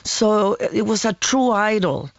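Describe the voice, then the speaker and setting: Slow, halting woman in her sixties. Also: medium pitch, gravelly, dry recording, highs cut off. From Chile. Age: 60s. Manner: halting, searching for words. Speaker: guest. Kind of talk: casual interview talk.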